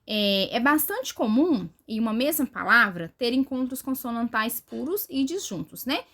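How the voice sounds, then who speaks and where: A woman's voice: fairly high pitch, big pitch swings, normal speed, a bit bright. A woman teacher giving a recorded grammar lesson, explaining step by step and checking in with short "right?" tags.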